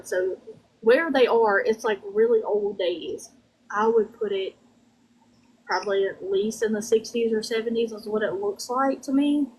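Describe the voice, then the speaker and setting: A woman with a Southern American drawl speaks as a medium giving a reading. Her phrasing is folksy and halting, and she often repeats herself as she describes things. Her pitch is average for a woman, with some faint noise on the recording. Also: rough recording. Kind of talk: conversational psychic reading.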